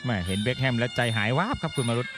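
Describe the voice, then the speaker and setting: A man's voice: medium pitch, fast talker. A man giving Muay Thai television commentary, emphatically repeating points for viewers. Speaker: fight commentator. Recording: music behind the voice. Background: music.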